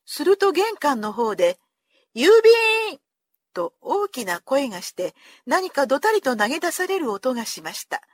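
Expressive woman reading a children's story. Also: high voice, no room sound. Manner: expressive, voices the characters.

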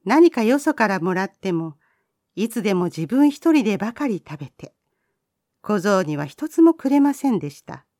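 A woman reading a children's folk tale aloud, gentle and expressive. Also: medium pitch, normal speed, no room sound, studio quality. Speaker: storyteller.

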